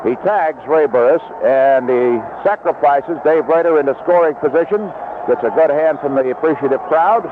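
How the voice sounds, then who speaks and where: A man with a slightly high voice speaks at an ordinary pace, calling a baseball game live as a 1970s-style radio play-by-play announcer from an outdoor ballpark booth. The audio sounds like a lo-fi vintage AM broadcast, heavily noisy, with loud stadium crowd sound behind him.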